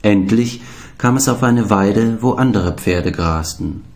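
A man calmly narrating a children's audiobook. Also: on the low side, slow. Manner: calm, storytelling.

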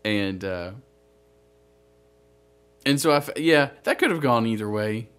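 A man co-hosting a podcast in casual chat, telling stories and quoting others in an animated way. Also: on the low side, unhurried, clean tone. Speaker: podcast co-host.

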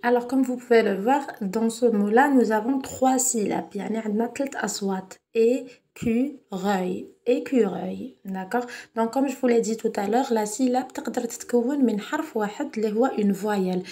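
A woman's voice: on the high side, warm tone. Patient Algerian woman teaching young pupils. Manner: patient, checks understanding with repeated "d'accord?"; slows and stretches words when spelling them out. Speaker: primary school French teacher. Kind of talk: home lesson for children, mixing French and Algerian Arabic.

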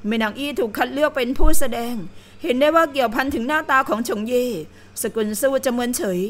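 A woman's voice: sits high, a little fast, fairly bright tone. Frank, breezy young heroine, read by a woman. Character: bold quick-witted young heroine.

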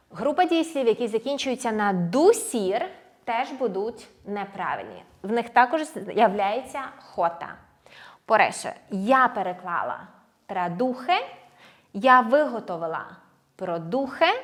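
A woman teaching a language lesson, slowly and clearly drilling verb forms one by one. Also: medium pitch, a bit bright. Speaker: Spanish teacher. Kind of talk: online grammar lesson.

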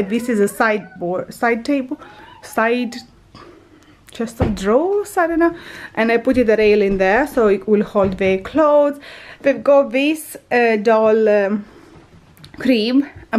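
Walking from room to room with a handheld camera, this thirty-something vlogger chats her way through the bathroom and bedroom of her house, often correcting herself. Her voice sits a little high, with a slightly mellow quality.

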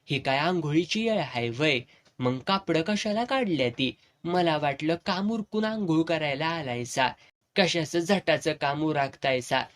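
A crude village man sneers and jeers in broad rural Satara dialect, as a male narrator puts him on. His tone is mocking and blunt, and the voice runs slightly high. He is a coarse storybook sidekick. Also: animated, measured pace. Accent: rural Satara Marathi dialect.

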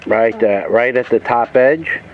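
A man's voice: medium pitch, measured pace. A man patiently explaining a machine repair outdoors, step by step, recorded on a camera mic. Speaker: mechanic demonstrating a repair. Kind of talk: casual how-to instruction. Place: outdoors beside heavy machinery. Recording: phone-like, faint outdoor noise.

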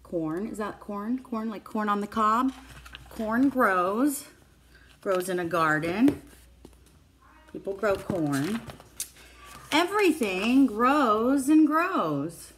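A middle-aged preschool teacher reads a picture book aloud to young children, animated yet taking it slowly, with long pauses. Her medium-pitched voice is a bit bright, and she uses simple phrasing and questions aimed at the kids. It's recorded in a small indoor classroom on a phone or tablet at arm's length, with a little hiss or hum.

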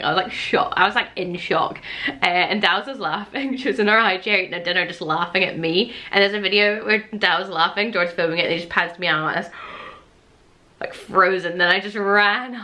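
A woman in her thirties chatting to camera at home as a lifestyle vlogger, telling stories in a lively way and laughing often. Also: mid-range voice. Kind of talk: casual vlog chat to camera.

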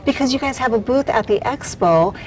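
A woman's voice: on the high side, lively intonation, brisk, slight background noise, rough recording. Teasing woman morning TV host. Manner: bright, teasing, laughs often. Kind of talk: live TV hosting. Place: TV studio set.

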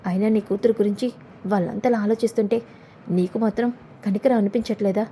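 A woman's voice: medium pitch, steady tone, quick pace, warm tone, a little hiss or hum, natural voice. A woman voicing a blunt, bossy older mother-in-law in a retold serial, chiding as she talks.

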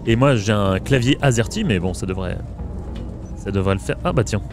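A man's voice: on the low side, animated, brisk. Casual male gamer commentating over game music. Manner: hesitant, many filler sounds. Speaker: let's play gamer.

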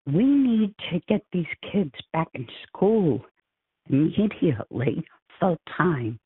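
A woman's voice: low voice, husky, no room sound. An older woman, a concerned parent and grandmother, leaving an urgent, emphatic public comment by phone. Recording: tinny phone line.

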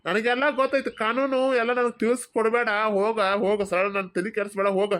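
A woman's voice: on the high side, flat delivery, natural voice. A woman with a Belagavi Kannada accent voicing a stubborn young husband who sides with his mother, in a cartoon comedy. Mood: dismissive. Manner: brusque, dismissive, rapid.

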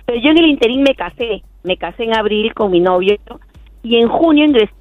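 A woman's voice: fairly high pitch, lively intonation, fairly quick, dry recording, faint music behind. A woman calling in to a radio show with a hesitant question, her phone held too far from her mouth so the line cuts out. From Peru. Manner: hesitant, many restarts and fillers. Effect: phone held away from the mouth, cutting out. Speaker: caller. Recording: dry tinny phone line.

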